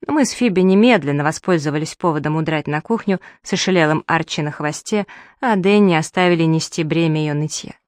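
A woman narrating a novel in the first person, with even, wry storytelling. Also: sits low, a little fast, no room sound, clean studio sound. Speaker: audiobook reader.

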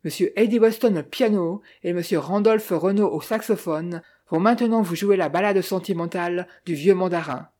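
Narrator playing a cheeky young actor, teasing and rowdy, mellow voice. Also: mid-range voice, moderate pace, few pauses, close to an everyday voice. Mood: mocking. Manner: mocking, boisterous.

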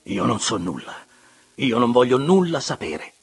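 A man's voice: mid-range voice, expressive, normal speed, slightly rough, faint music behind. A man voicing a wounded young nobleman, intense and pressing, who speaks with bitter ardor. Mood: ardent. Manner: intense, pressing, rising to sharp outbursts.

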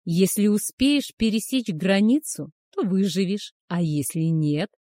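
A woman voicing a cruel, arrogant male werewolf hunter, who speaks with loud, growling menace. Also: medium pitch, lively intonation, measured pace, no echo, clean studio sound, natural voice. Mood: menacing.

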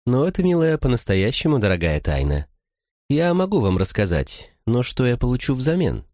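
A man's voice: medium pitch, big pitch swings, moderate pace, darkish tone, no echo, clean studio sound, pitched above the performer's own voice, natural voice. A man voicing a sly, smug noblewoman who gossips and schemes, talking condescendingly in an audiobook. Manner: chattering, condescending.

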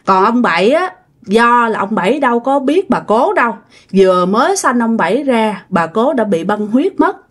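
A woman's voice: fairly high pitch, very animated, normal speed. A woman with a Southern Vietnamese accent telling a ghost story in a casual, chatty way, speaking directly to her listeners. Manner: chatty, addresses listeners directly, many tag particles.

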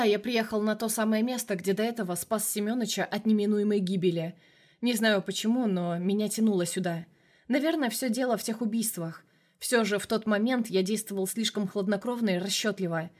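A woman narrating an audiobook chapter in a steady, measured reading. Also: mid-range voice. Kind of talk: scripted narration.

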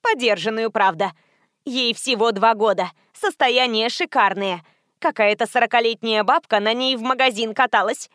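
A shrill, brash young brunette girl who yells every line high and loud, as a woman reader puts her on. She sounds boisterous and pushy, her voice pitched well above an ordinary speaker's. It is a storybook reading on a dry, close recording. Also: moderate pace, dry recording, natural voice. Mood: excited shouting. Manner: shouting, shrill.

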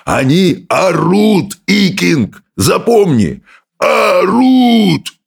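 A man voicing a loud, bossy adult Viking teacher who roars his orders, in a rough, gravelly voice. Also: mid-range voice, animated, unhurried, pitched above the performer's own voice, full character voice. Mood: shouting. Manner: roaring, barking orders. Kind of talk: audiobook character voice.

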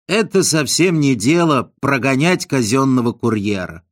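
A man's voice: medium pitch, animated, normal speed, no echo, clean studio sound, natural voice. Man playing a stern, bossy con man. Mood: stern, officious. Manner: curt, officious, bossy. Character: brash young male con man, stern and commanding.

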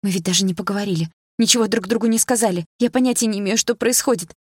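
A woman's voice: medium pitch, racing, slightly rough, no room sound, voice pushed up, close to an everyday voice. A woman voicing a desperate young woman pleading. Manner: pleading, crying out.

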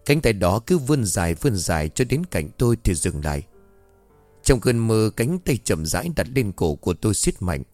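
A man reading a first-person horror story aloud in a slow, suspenseful narrating manner. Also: fairly low pitch, very animated, darkish tone, soft background music.

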